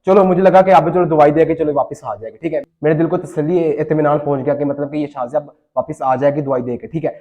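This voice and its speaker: Man, high voice, rambling comic storyteller who acts out both sides of the dialogue. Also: steady tone, quick pace, hardly any pauses, muffled recording. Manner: rambling, repeats phrases and fillers, acts out dialogue.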